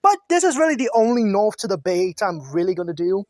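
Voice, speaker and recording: A woman's voice: medium pitch, big pitch swings, fairly quick, darkish tone, no room sound. Chatty woman stumbling over her words. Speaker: gamer giving balance ideas. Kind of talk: casual chat. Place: outdoors.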